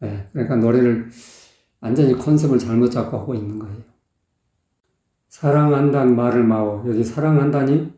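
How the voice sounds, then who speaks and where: A man's voice: mid-range voice, dark tone. A man working as a vocal coach, analysing a singer's performance and explaining technique step by step. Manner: explanatory, sings short phrases to demonstrate. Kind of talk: song analysis commentary. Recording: echoey, dull lo-fi sound.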